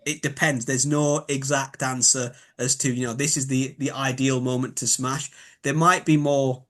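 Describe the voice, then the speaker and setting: A man with a Yorkshire accent talks through sports science as an interview guest. He speaks at an ordinary middle pitch, thinking aloud and reworking his phrases as he goes. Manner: thoughtful, rephrases often. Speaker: biomechanics expert guest. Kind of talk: explanatory interview talk.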